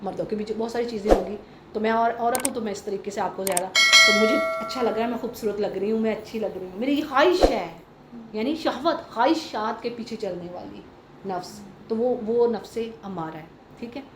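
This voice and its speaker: A woman's voice: on the high side, roomy sound, very noisy. A woman teaching a Quran commentary class to a small group. She explains patiently, mixes in English terms, recites Arabic verses and asks the class questions.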